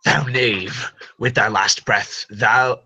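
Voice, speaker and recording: Brooding armored villain lord in verse, read aloud by a man; husky, drawn-out delivery. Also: on the low side, fairly even intonation, pushed and bright, heavily acted. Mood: solemn menacing. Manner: slow solemn declaiming, drops into whispers. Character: dark armored male lord, menacing and brooding. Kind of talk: live Shakespearean verse reading.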